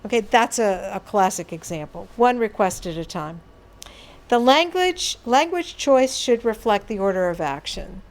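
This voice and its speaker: With lively intonation at a normal speed, a woman with a mid-range voice presents an educational talk on behaviour management to a workshop audience. She explains patiently, drawing on everyday examples and asides.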